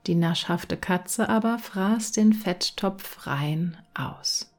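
A woman reads a fairy tale aloud in a calm, soft voice that often sinks into a whisper. She takes her time, at a slow, unhurried pace, over quiet background music. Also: lowish voice. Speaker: storyteller. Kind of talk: reading fairy tales aloud.

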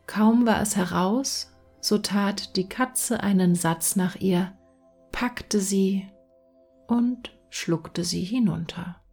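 A woman reads a fairy tale aloud in a calm, soft voice that often sinks into a whisper. She takes her time, at a slow, unhurried pace, over quiet background music. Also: mid-range voice, creaky, slightly rough. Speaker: storyteller. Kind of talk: reading fairy tales aloud.

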